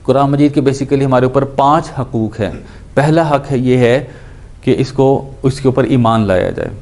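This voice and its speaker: A male teacher giving a grammar lesson at an ordinary middle pitch. He explains step by step, repeats each verb form as he drills it, and slips English words into his explanations. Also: a little mellow. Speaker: Quran and Arabic grammar teacher.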